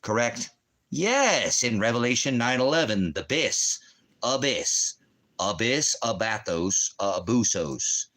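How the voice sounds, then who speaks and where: This livestream host and ministry teacher speaks slowly in a medium-pitched, fairly bright voice full of big pitch swings. Indoors at home by the fireplace, he rambles through Bible teaching, addressing commenters bluntly and challengingly and often answering his own questions.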